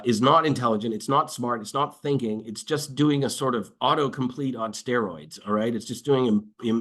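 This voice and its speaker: A man's voice: mid-range voice, fairly bright tone. Conversational man explaining, full of fillers. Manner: dry sarcastic asides. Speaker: lawyer presenter. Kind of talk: webinar presentation.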